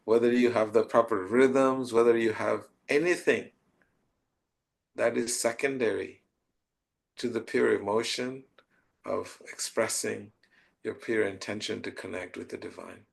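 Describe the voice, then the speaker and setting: Gravelly-voiced man telling a spiritual story. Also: lowish voice, steady tone. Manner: slow, tender storytelling with soft trailing phrases. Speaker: spiritual teacher. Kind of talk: storytelling answer to a question.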